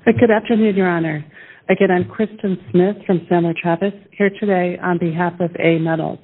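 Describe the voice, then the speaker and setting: A woman acting as a plaintiff's attorney makes a conversational legal argument in court. Her voice is on the low side, steady in tone and fairly quick. The courtroom audio sounds thin, almost like a phone line.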